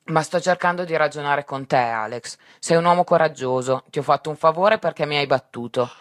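A man reading aloud and voicing Death as a calm, courteous, patient male reaper. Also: fairly high pitch, fairly quick, natural voice.

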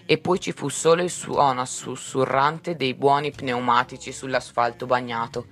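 A man reading a story aloud in a measured, unhurried way. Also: medium pitch, fairly even intonation, fairly bright tone.

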